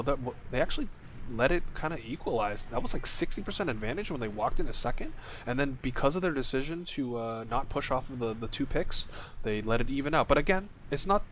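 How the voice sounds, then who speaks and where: A man casting a live video game match play-by-play, quick and relaxed, with small jokes. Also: medium pitch, slight background noise. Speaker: esports play-by-play caster. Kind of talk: casual live game commentary.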